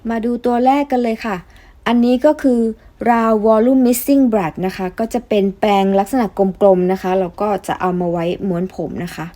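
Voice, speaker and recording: Chatty young woman reviewing a gadget. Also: on the high side. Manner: chatty, polite, frequent soft particles. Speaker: beauty product reviewer. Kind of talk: casual product review vlog.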